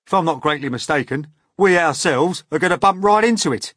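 A man voicing a brash, sharp-tongued male centipede. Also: mid-range voice, sing-song, slightly rough, no echo, studio quality, pitched above the performer's own voice. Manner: sharp, quick, cocky.

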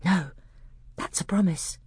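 A man's voice: sits high, unhurried, a little mellow, breathy edge, no echo, pitched above the performer's own voice, heavily acted. Man doing a wide-eyed boy prince. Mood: eager awed. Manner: raised eager whisper. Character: young boy prince, eager and awestruck.

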